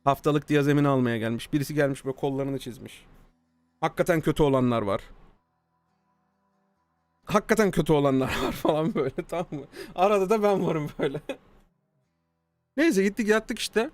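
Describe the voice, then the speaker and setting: A man streaming live, telling a story casually to his chat, animated and swearing freely. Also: a little high, brisk, long pauses, no room sound, soft background music. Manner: animated, swears freely, acts out quoted dialogue.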